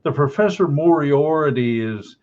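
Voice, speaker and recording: A man's voice: a little high, animated, measured pace, darkish tone, highs cut off, soft background music. An older man, a veteran investigator, giving emphatic, opinionated panel commentary.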